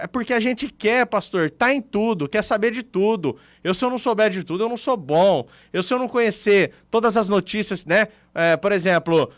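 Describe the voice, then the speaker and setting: A man's voice: high voice, fairly bright tone, no room sound. A man with a Brazilian Portuguese accent, co-hosting a radio talk show and explaining his points with everyday examples.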